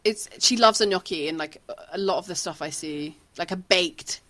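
Casual woman co-host, slightly low voice. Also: normal speed, fairly bright tone. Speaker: podcast co-host. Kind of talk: casual chat.

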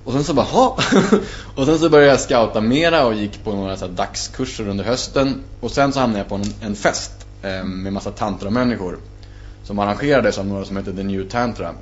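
A man talking as a podcast guest in a casual storytelling style, animated and acting out his own past reactions. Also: lowish voice. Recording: muffled lo-fi with faint hum.

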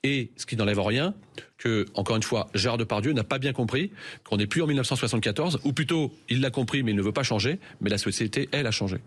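A man on a debate show defending a position earnestly, with a steady delivery and occasional stumbles. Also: mid-range voice, fast, slightly rough.

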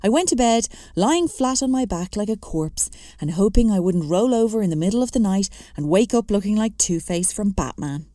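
A woman's voice: mid-range voice, lively intonation, moderate pace, hardly any pauses, mellow, dry recording, studio quality. A woman reading a memoir aloud with wry, self-mocking comic timing. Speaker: narrator.

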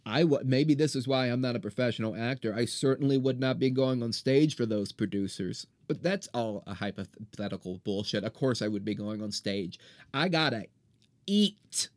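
A male podcast host on a fired-up solo rant, blunt and profane, tripping over and restarting words as he goes. His voice sits at an ordinary middle pitch. It is recorded dry and close, with almost no room sound. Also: a little fast, few pauses, darkish tone, dry recording.

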